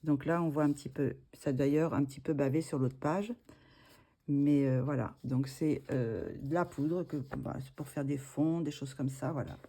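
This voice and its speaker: A woman's voice: low-pitched, normal speed, warm tone, slightly rough. A woman talking casually through her art supply purchases, hesitant and full of fillers and restarts. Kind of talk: casual haul video.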